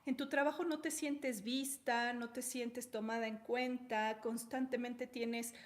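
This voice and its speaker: A woman's voice: on the high side, level tone, unhurried. Chatty woman teaching with stories. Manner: conversational, explains with stories, checks in with tag questions. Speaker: personal development speaker. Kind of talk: teaching a workshop.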